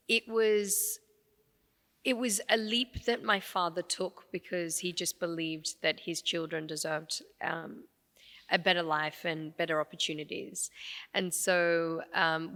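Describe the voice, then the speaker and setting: A woman from Afghanistan recounts her family's story as a podcast guest, talking in an easy, chatty way with plenty of "um"s and "you know"s. Her voice sits fairly low yet sounds bright and forward. A long reverb trails behind her in the room. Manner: warm, animated storytelling with frequent fillers. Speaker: podcast guest, radio presenter. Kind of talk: storytelling in a casual interview.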